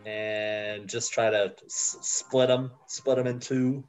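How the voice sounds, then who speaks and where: A man with a middle-pitched voice plays a tabletop game, halting and stammering as he speaks. Faint music is audible behind him. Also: steady tone, darkish tone, rough recording. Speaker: player. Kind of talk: casual tabletop game play.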